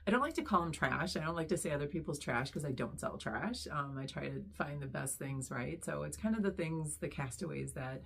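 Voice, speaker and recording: A middle-aged woman, hoarse after losing her voice, chatting casually as she introduces her reselling channel with many pauses and ums. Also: deep voice, expressive, a little hiss or hum. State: hoarse, recovering lost voice. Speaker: online reseller, channel host.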